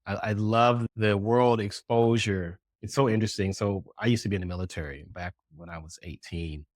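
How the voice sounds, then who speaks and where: Low-voiced and recorded dry, a middle-aged man from the United States runs a podcast interview as host. His style is casual and chatty, full of upbeat enthusiasm.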